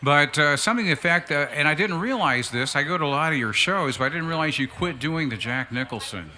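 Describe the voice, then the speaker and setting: A man's voice: fairly high pitch, lively intonation, fairly quick, pushed and bright, slight background noise. A middle-aged American man co-hosting as a parade commentator in casual, chatty live banter.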